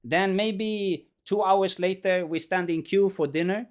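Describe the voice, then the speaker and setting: A man's voice: high-pitched, unhurried. A young man telling a casual anecdote in broken, blunt, profane English, laughing often. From Sweden. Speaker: tournament player.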